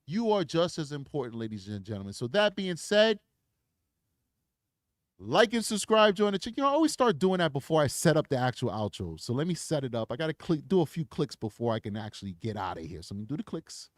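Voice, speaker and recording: A man's voice: a little high, big pitch swings, a little fast, no room sound, studio quality. A man hosting a true crime livestream, preaching with emphasis and then chatting casually through his plugs on a desk microphone. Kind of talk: impassioned livestream outro.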